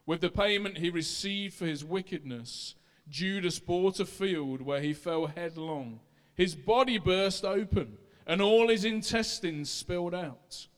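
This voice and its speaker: A man's voice: sits high, a little slow. A man of about forty with a Leicester accent, a pastor preaching and reading scripture to his congregation. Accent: Leicester, English East Midlands. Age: 40, about to turn 41. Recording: long hall reverb.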